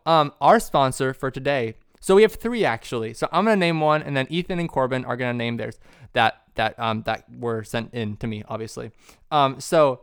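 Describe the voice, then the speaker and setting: A man's voice: mid-range voice, clear, resonant tone, no echo, clean studio sound. A man hosting a casual podcast chat over a video call, upbeat and laughing often. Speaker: podcast host.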